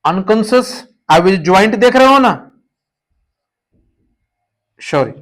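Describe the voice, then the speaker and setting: A man's voice: high-pitched, animated, brisk, fairly bright tone. A male teacher giving a classroom lecture, explaining points through stories and repeating the key terms.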